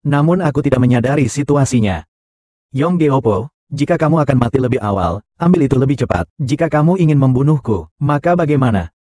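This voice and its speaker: A man voicing all the roles of a dubbed short drama in the same flat, even delivery, recorded close on a studio mic. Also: medium pitch, fairly quick, no echo, lightly acted.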